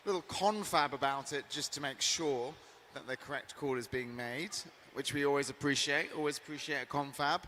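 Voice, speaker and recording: A man's voice: mid-range voice, moderate pace, hardly any pauses, bright, forceful tone. A man giving earnest, enthusiastic play-by-play commentary on roller derby. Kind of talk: live sports commentary. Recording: faint ambient noise.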